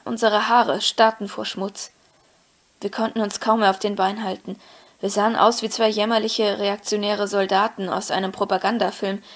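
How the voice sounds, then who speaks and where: A woman narrating a novel as an audiobook, in a measured, expressive storytelling manner. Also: mid-range voice, creaky. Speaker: audiobook reader.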